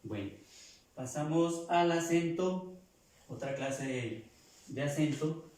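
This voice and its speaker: A man teaching a language lesson, repeating words slowly to drill their pronunciation. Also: on the high side, darkish tone, far from the mic. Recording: echoey room, voice from off-mic.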